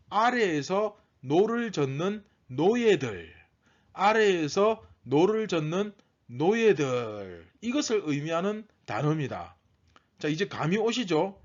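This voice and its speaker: Male pastor, teaching sermon, keeps asking the room questions, bright and lively pitch. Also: highs cut off. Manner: teaching, asks the congregation questions.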